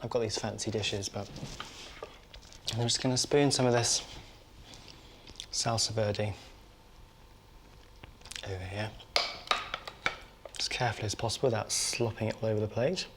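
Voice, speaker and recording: A man's voice: fairly low pitch, steady tone, normal speed, long pauses, noisy background. Chatty man cooking in a kitchen. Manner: chatty, talks while cooking and tasting. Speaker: cooking show host. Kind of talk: cooking demonstration.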